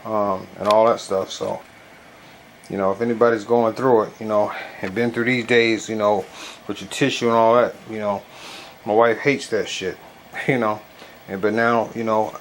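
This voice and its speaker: A man talking casually and haltingly in a home product review, with a stuffy nose as if packed with gauze. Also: on the low side, little pitch movement. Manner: loose, colloquial, halting with frequent verbal tics. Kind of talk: casual rambling video review. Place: bedroom at home. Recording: noisy home recording, clear background noise.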